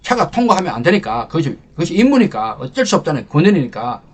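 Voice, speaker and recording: An older man with a husky, slightly higher voice tells a personal war story to teach leadership. His delivery is lively and emotional, rising with feeling and then dropping to a near hush. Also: fast. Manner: emotional storyteller, animated swings from loud to hushed. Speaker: lecturer and channel host.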